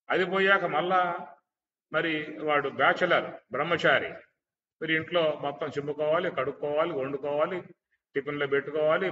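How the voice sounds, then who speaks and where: A man with a bright, sharp voice gives a spiritual discourse on scripture, often asking his listeners rhetorical questions and chanting Sanskrit verses. He sounds set back from the microphone, and a long reverb trails his words in a dull, muffled recording. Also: a little high, recorded from a distance. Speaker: spiritual teacher.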